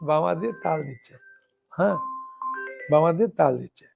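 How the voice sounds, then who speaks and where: A man, a monk preacher, giving a devotional sermon, often checking that his listeners understand and reciting names slowly one by one. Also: fairly high pitch, lively intonation, creaky, music in the background. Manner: keeps asking listeners "understood?".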